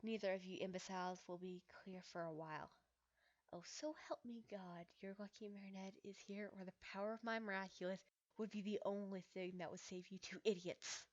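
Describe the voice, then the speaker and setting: A woman's voice: mid-range voice, steady tone, brisk, dry recording, lightly acted. A woman voicing a small, stern female magical creature who scolds angrily, on a dull, dry lo-fi recording. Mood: scolding.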